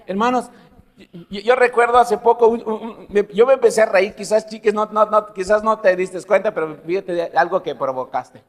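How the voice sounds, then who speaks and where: A man's voice: high-pitched, moderate pace. A man preaching a sermon as pastor, telling personal stories and asking the congregation questions. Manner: animated, laughs at own stories, asks the congregation questions. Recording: long hall reverb.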